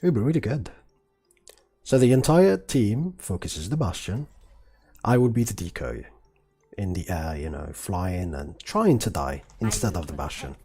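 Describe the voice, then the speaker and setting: A man's voice: fairly low pitch, lively intonation, normal speed, warm tone. A man streaming a team game, directing his teammates and explaining strategy. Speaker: streamer and team shot-caller. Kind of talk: live gameplay commentary and team callouts.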